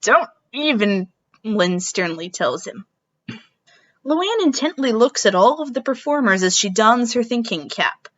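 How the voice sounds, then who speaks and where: A woman's voice: fairly high pitch, big pitch swings, a little slow, a bit bright, no echo, highs cut off. A woman doing an informal, theatrical dramatic reading of a story as narrator, dropping in asides.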